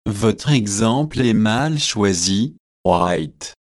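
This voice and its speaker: A man reading the lines of a skeptical, teasing young man in a storybook, slow and measured. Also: on the low side, animated, no echo, clean studio sound.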